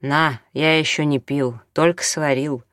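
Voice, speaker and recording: A man's voice: fairly high pitch, fairly even intonation, measured pace, fairly bright tone, no echo, studio quality. A man reading an audiobook, voicing a brash, hard-drinking doctor who jokes and orders people about. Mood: offhand. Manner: jokey, bossy, offhand.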